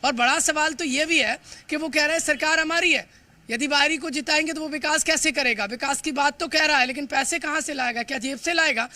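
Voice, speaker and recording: A man reporting live for the news, emphatic and hurried, often stumbling over words and filling pauses. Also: extremely high pitch, bright, forceful tone, no room sound. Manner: fast, emphatic, with frequent stumbles and fillers. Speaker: field reporter.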